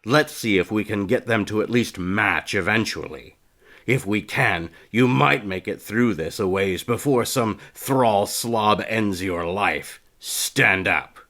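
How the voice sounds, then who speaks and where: A man voicing a gravelly scarred old trainer. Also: lowish voice, takes it slowly, a bit bright. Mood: stern. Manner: blunt, taunting. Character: gruff scarred older male trainer, harsh.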